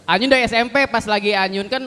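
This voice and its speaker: A man's voice: sits high, fairly even intonation, fast, pushed and bright. A man from West Java with a Sundanese accent and a lisp that blurs his r, telling jokey, self-deprecating stories in a casual interview. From West Java, Indonesia. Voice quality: lisp, cannot pronounce r clearly. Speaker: stand-up comedian guest. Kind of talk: casual comedic interview chat. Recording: long hall-like reverb.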